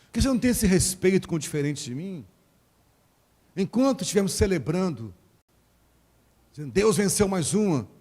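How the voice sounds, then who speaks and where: A male pastor with a Rio de Janeiro Brazilian accent preaches to his congregation. His voice sits a little high for a man. He talks in an animated way, putting on quoted voices and joking with the people listening. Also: slightly rough. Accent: Brazilian Portuguese, Rio de Janeiro. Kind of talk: sermon. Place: church service.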